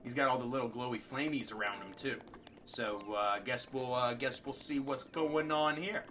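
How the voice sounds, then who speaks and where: A man giving casual, excitable commentary while playing a game. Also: medium pitch, normal speed, a little hiss or hum, poor audio. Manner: chatty and excitable, many restarts. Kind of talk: casual let's play commentary.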